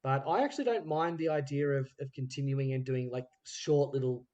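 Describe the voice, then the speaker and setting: A podcast host and interviewer chats casually, telling stories with animation and voicing the quoted dialogue himself. His voice is medium-pitched, warm, and fairly quick. He was recorded remotely on a phone, so the sound is lo-fi.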